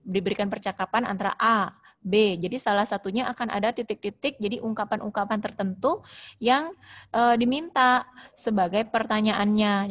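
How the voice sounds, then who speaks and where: A woman English teacher with an Indonesian accent, teaching an online class and modelling phrases slowly. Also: mid-range voice. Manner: explains at length, repeating and modelling phrases slowly. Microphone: video call.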